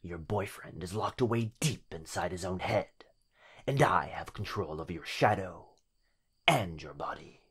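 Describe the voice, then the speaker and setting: A deep, expressive, heavily acted male voice brings a sinister living shadow to life for a yandere ASMR roleplay. Slow and drawling, it's very breathy and husky, often fading nearly to a whisper, full of predatory menace and mocking, possessive tenderness. Smugness and menace set the mood.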